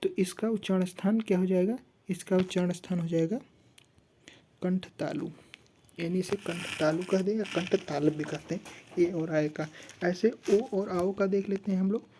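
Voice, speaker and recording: A woman teaching an exam-prep class, who asks the class questions, answers them herself and slowly chants rules for them to repeat. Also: on the low side, steady tone, mellow, slight background noise.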